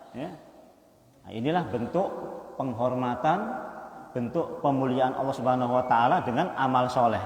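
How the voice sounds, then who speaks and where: Preacher in an echoing mosque. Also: male voice, on the high side. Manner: repetitive, punctuates with "ya kan?". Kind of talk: Quran study sermon. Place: mosque hall. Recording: roomy mosque reverb.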